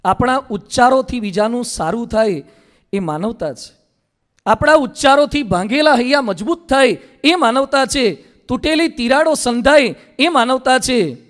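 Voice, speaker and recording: This sermon comes from a monk whose voice sits notably high. His storytelling moves quickly and is full of impressions of ordinary people, while verses from scripture are recited in a slower, chanting style.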